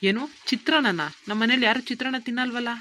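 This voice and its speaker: In cartoon voice acting, a woman plays an angry, impatient young husband, the son, scolding his wife. Her fairly high voice is fast, pushed, and bright, with a little hiss or hum.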